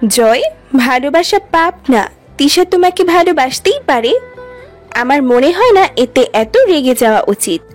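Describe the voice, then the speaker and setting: A woman plays a gentle, sensible young woman in an audio drama, with a high voice. She reasons with others in a soothing way, and faint music plays underneath. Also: expressive, moderate pace.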